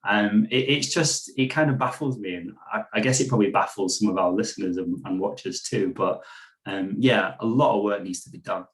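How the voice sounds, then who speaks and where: A young Mancunian podcast co-host discusses politics casually, earnest and rambling, saying "you know" constantly. His voice is on the low side and his pace brisk.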